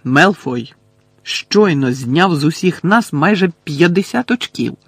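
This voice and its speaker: A man's voice: on the high side, lively intonation, a little slow, breathy edge, no room sound, pitched above the performer's own voice, exaggerated voice. A man voicing a teenage schoolboy who speaks angrily and blurts things out. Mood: indignant. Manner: angry, blurting.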